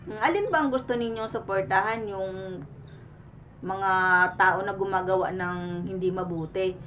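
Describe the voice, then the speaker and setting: A woman's voice: mid-range voice, unhurried, a bit bright. A woman talking casually to her viewers, earnest and pleading, restarting her sentences often and sweating in the heat. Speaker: vlogger. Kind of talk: casual reaction commentary to the camera. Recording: distant mic with faint room noise.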